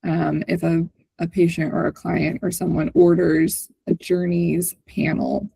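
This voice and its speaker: A woman with a fairly low, level voice that's a little slow, gravelly, mellow, and breathy-edged hosts a community call, presenting over screen share on an online video call. She explains things conversationally, often closing a point with a checking "right?". There's no echo.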